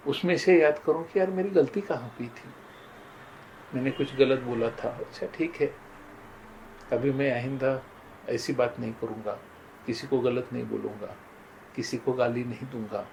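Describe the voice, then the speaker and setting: A man's voice: mid-range voice, a little mellow, slight background noise, poor audio. An older man shares moral stories in a sincere, storytelling manner, often turning to his listeners as friends. His voice sits in a middle register, and a faint room ambience hums behind him. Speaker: motivational speaker. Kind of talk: motivational talk with personal stories.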